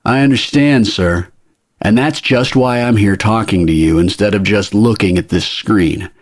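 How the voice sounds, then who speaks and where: A man voicing a skinny older male border interrogator with a squeaky, prim way of asking questions. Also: moderate pace, no echo, studio quality, close to an everyday voice. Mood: probing. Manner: prim, coolly persistent questioning.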